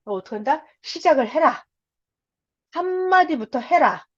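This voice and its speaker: A woman preaching a sermon, animated and repetitive, acting out short prayers in a bright eager voice. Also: sits high, normal speed, muffled recording. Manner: repeats phrases for emphasis.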